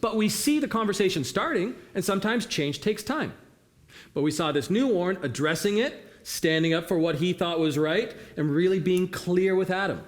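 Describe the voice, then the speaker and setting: A man's voice: high-pitched, animated, moderate pace. A man leading an interactive theatre workshop, encouraging volunteers and asking the audience questions. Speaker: workshop facilitator.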